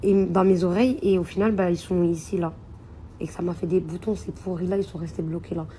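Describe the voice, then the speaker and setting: A young vlogger talks fairly quickly in a low, warm, steady voice from a hotel room, recorded on her phone with slight background noise. Her chat is casual and rambling, and she refers to her viewers as princesses and girls.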